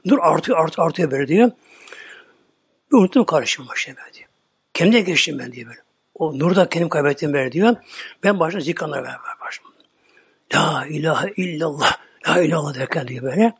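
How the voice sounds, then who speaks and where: A male preacher retelling a story in a slow, dramatic sermon, often dropping into a whisper. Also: a little high, lively intonation, vocal fry, breathy edge, no echo, studio quality.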